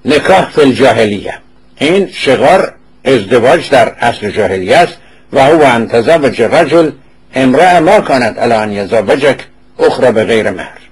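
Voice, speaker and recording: A man with a slightly husky, breathy voice teaches in an informal lecture. He reads a passage in a measured way, then drops into easy, casual speech to explain it. He sometimes stops to repeat a word until the pronunciation is right. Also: mid-range voice, expressive, low-quality recording. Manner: repeats and corrects words to settle pronunciation.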